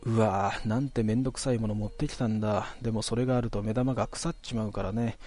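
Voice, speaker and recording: Guy w a low mellow voice telling a spooky story, laid back and chatty. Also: steady tone, fast talker, soft background music. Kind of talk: casual ghost-story telling.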